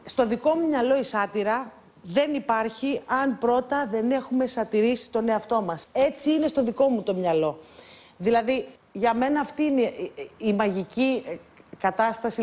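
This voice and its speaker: Her voice is a little high with a darkish tone. She's a guest mentor on a presenter competition show, giving relaxed coaching to the contestants in a playful, teasing manner and addressing them with pet names.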